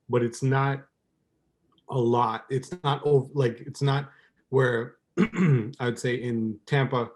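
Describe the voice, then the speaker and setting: Trini guy in his 30s chatting on a podcast, lots of ums and likes, easygoing. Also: medium pitch. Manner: rambling, relaxed, many ums and likes. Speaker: podcast guest, cooking YouTuber. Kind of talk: casual chat.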